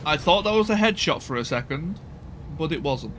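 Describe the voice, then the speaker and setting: Man, game streamer, casual commentary, thinking aloud, swears casually, bright tone, faint background noise. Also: on the high side, animated, normal speed. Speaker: streamer playing a mech strategy game.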